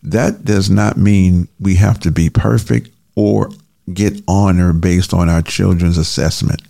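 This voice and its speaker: A man with a very deep, gravelly voice and a mellow, dark tone speaks as a guest on a call. He reflects slowly and haltingly, filling his pauses with small hesitations. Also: fairly even intonation, dry recording, studio quality.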